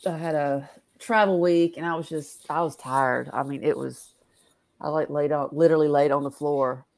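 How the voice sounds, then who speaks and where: Lady cohost, low voice with some fry, rambles w lots of fillers. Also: fairly even intonation, moderate pace, darkish tone. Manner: rambling, many fillers like "you know" and "um". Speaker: podcast co-host. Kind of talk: casual podcast chat.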